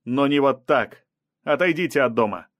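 A man voicing a male doctor urgently shouting warnings to leave. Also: mid-range voice, lively intonation, moderate pace, dry recording, close to an everyday voice.

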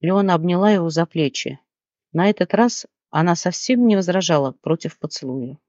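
An audiobook narrator telling the story in a steady, measured voice. The recording is close and dry, with a slightly dull top end. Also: medium pitch, no echo. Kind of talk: scripted narration.

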